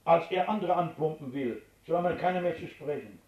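A man's voice: a little high, brisk. A man preaching a sermon as pastor, telling stories and speaking straight to his congregation. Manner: animated storytelling preacher, addressing the congregation directly. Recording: roomy, distant, dull old recording.

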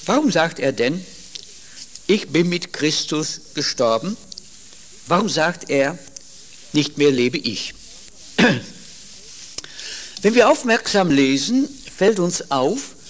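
Slow, lively-pitched German preacher. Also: male voice. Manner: emphatic, stresses single words, slow deliberate delivery; quotes scripture verses aloud. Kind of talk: sermon.

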